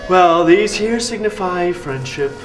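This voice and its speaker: A man's voice: high-pitched, animated, unhurried, distant mic, over music. A man playing a haughty, snooty florist. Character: snooty condescending male florist. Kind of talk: comedy sketch acting.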